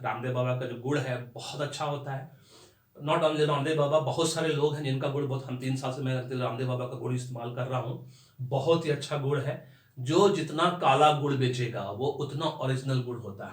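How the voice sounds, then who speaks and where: A man's voice: mid-range voice, echoey room. A man teaching English vocabulary and pronunciation, stretching out each new word and spelling words out letter by letter.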